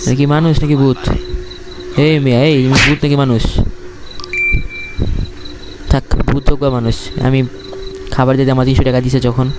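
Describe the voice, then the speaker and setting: A man's voice: mid-range voice, little pitch movement, fairly quick, pauses often, noisy background. A man with a Bangladeshi accent giving casual horror game commentary to viewers, talking as a scared, jittery streamer who reacts and questions as he plays. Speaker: gaming streamer.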